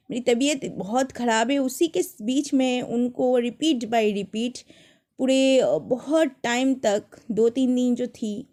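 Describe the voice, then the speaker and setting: A young woman telling personal stories to viewers in a casual, animated way, often restarting her sentences. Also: fairly high pitch. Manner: animated, dramatic retelling with many restarts. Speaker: storyteller.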